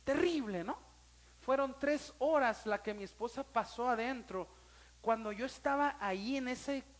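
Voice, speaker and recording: A man with a Mexican Spanish accent, a pastor giving a sermon and telling a personal story, emotional and speaking straight to his listeners. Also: very high voice.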